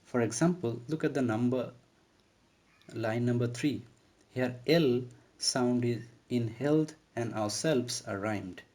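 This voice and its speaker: Slow and darkish in tone, a mid-range male voice leads a recorded literature lesson on a poem. The lecturer explains each term methodically, one step after another.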